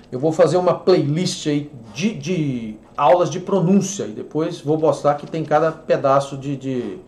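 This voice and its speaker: A Brazilian man teaching English pronunciation in an online lesson, explaining and repeating words slowly for drilling. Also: fairly high pitch, a little mellow, reverberant.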